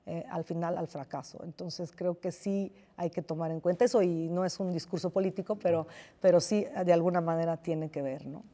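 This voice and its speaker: An Italian-born novelist with an Italian accent is interviewed on television, speaking thoughtfully and hesitantly with many pauses, restarts and fillers. Her female voice is fairly low, steady and mellow.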